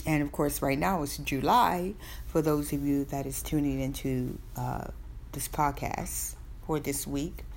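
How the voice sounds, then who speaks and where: Slow, low-voiced Southern US woman. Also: fairly even intonation. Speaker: podcast host. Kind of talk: informal motivational talk.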